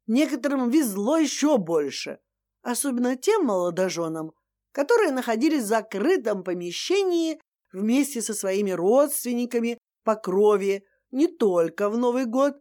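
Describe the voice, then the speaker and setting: A woman reading a comic story aloud in a wry, expressive way. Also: a little high, normal speed, dry recording, clean studio sound.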